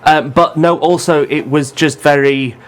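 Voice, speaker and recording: A man hosting a casual film podcast, arguing his opinions in quick bursts. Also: fairly high pitch. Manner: opinionated, fast bursts of argument. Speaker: podcast host. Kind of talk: casual chat.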